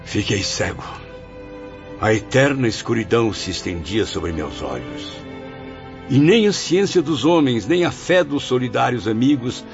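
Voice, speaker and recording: In a radio soap, an actor with a Brazilian accent plays the spirit of a proud, embittered blind writer. His mid-range male voice has vocal fry, and he declaims in a grandiose, theatrical way with swelling and sinking emphasis, recorded in dull lo-fi audio over music.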